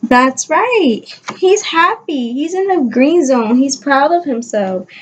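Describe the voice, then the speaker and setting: This high-pitched woman, a kindergarten teacher, takes her time with an expressive read-aloud lesson for young kids. She draws listeners in with questions and leans on key words.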